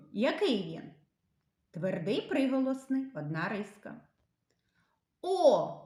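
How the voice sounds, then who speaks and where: A woman teaching young children to read and write, enunciating sounds and syllables slowly and clearly. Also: medium pitch, echoey room. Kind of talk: literacy lesson for young children.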